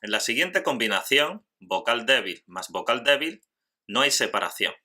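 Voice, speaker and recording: A man teaching a grammar lesson in scripted narration, slowly and carefully spelling out syllables. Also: medium pitch, sing-song, bright, forceful tone.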